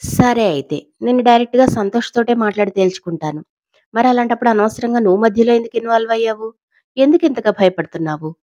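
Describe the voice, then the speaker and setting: A woman's voice: medium pitch, moderate pace, darkish tone, no echo, lightly acted. A woman voicing a sarcastic blackmailing woman. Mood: taunting. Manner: sarcastic, taunting. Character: mocking mysterious woman blackmailer, laughing cruelly.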